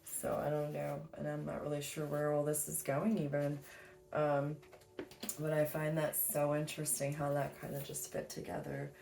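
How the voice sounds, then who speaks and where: Woman, low voice, tarot reader, rambling casual talk, echoey room. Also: monotone, normal speed, creaky, dark tone. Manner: rambling, filler-heavy, self-correcting. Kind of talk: casual spiritual reading monologue.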